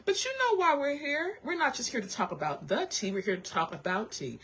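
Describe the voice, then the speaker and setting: Husky, animated woman radio host. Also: fairly quick. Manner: animated, sassy, swoops into high excited squeals. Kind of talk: casual talk radio chat. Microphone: studio microphone.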